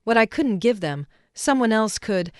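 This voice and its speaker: Smooth, steady woman narrator. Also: a little high, normal speed, no room sound, studio quality. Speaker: story narrator. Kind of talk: scripted first-person narration.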